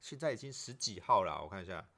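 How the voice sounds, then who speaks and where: A man's voice: deep voice, animated, fast talker, a crowd in the background. A man with a Taiwanese accent hosting a casual podcast and explaining local sayings, agreeable and often repeating short phrases. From rural western Taiwan. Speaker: podcast host.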